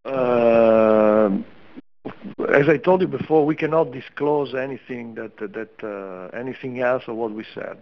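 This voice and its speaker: Gravelly executive man on a muffled line. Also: mid-range voice. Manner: halting, hesitant non-native English. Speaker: company executive. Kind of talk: earnings conference call answers.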